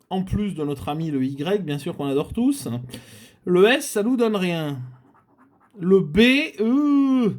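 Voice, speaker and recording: A man's voice: high voice, a little mellow. A man from France hosting his own channel, giving casual running commentary as he scratches tickets, muttering and repeating letters aloud with frequent filler sounds. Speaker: scratch-card channel host.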